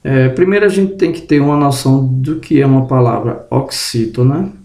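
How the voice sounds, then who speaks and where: A man giving a spoken grammar lesson, slowly drawing out example words and checking in with the viewer, slightly groggy and tripping over words. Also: medium pitch, dark tone, reverberant. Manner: tag questions to the viewer. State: just woke up, tongue tripping. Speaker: teacher.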